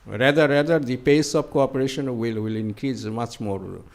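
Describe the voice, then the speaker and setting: A man answering audience questions at a conference, speaking haltingly with many fillers and restarts. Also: mid-range voice, fairly even intonation, gravelly, darkish tone.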